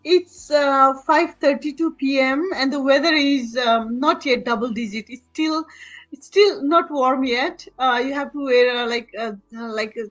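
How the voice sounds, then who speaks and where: A woman from Nepal with a high, light voice speaks over a video call. She talks in a relaxed, halting way, full of fillers and restarts. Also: lo-fi sound, soft background music. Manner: hesitant, many fillers and restarts, laughs often. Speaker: guest. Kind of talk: casual video-call chat.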